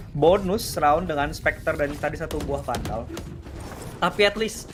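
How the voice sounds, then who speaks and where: A man with an Indonesian accent casts esports in an excited game-announcer style. His voice is high, his phrasing dramatic, and he slips in English lines over faint gunfire and clicks from the game. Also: noisy background. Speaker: esports caster.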